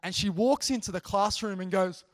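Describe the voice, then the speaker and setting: A man delivering a casual, story-driven sermon, voice sitting a little high for a man. He talks earnestly and with animation, often dropping in "you know" as he goes. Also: normal speed. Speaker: preacher sharing a testimony.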